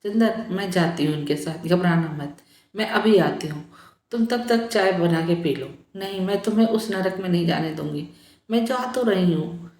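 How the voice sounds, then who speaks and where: A woman voicing a feverish dying young woman who pleads softly and later cries out in delirium. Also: lowish voice, normal speed, echoey room, close to an everyday voice. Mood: delirious terror. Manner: weak, pleading, turns frightened and delirious.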